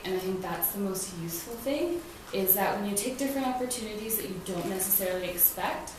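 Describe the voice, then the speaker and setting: A young woman mentoring students, talking in a casual, chatty way with lots of fillers. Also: fairly low pitch. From grew up in several countries, mostly New Zealand. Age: young adult. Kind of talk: informal talk to young students. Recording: echoey room, voice from far off, clear noise.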